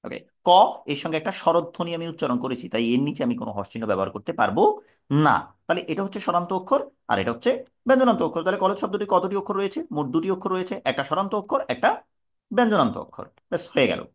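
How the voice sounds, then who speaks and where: Man, Bangladeshi Bengali accent, teacher, lesson, somewhat high voice, sounds out syllables. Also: very animated. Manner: syllabifies words slowly, asks and answers own questions.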